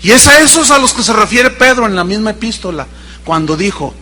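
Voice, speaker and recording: Bright high-voiced male preacher. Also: animated, in a large hall. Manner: storytelling preacher, shifting between quick and slow, emphatic pauses. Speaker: pastor. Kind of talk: sermon. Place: church sanctuary.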